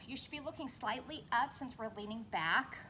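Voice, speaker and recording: High-voiced woman fitness coach, noisy recording. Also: expressive, normal speed, sharp tone. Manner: encouraging, cueing form in short instructions. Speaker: fitness instructor leading a workout. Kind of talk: coaching a home workout while exercising along. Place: indoors on carpet.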